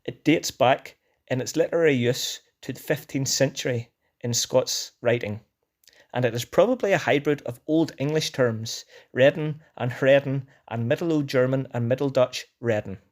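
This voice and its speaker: Northern Irish man reading an educational script. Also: mid-range voice. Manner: measured dictionary-style delivery with definitions and examples. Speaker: language teacher presenting a word list.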